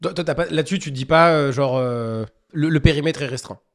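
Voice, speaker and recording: A man's voice: a little high, fairly quick. A man hosting a podcast who asks long, rambling questions and restarts them as he goes. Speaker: podcast host. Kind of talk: casual podcast interview.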